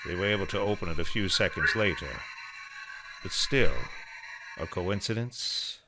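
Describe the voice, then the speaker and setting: Deep guy doing dramatic ghost-show narration, loud music under it. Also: moderate pace. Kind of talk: scripted documentary narration.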